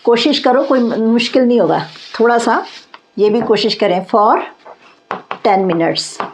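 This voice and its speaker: A woman's voice: fairly high pitch, normal speed, a little mellow. A woman teaching English grammar in Hindi, patiently reading out example sentences and checking in with her learners. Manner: patient, repeats points and checks with "theek hai". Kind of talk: grammar lesson explained in Hindi.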